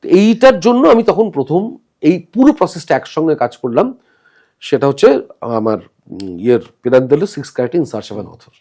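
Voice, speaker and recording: Guesting on a podcast, a theatre director animatedly explains how he runs rehearsals, mixing English terms into his speech and acting out the dialogue he quotes. His voice is a little high and fairly quick.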